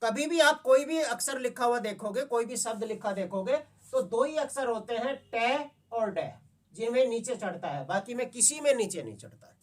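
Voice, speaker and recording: A woman's voice: fairly high pitch, lively intonation, a little fast, hardly any pauses. Patient woman teacher, distant mic. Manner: patient, repeatedly checks if students understood. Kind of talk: classroom lesson.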